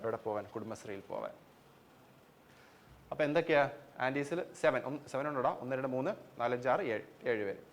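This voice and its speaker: A young man with a Malayali accent teaches an online geography class for exam coaching, asking questions and answering them himself while mixing in English phrases. His medium-pitched voice is fast, with slight background noise.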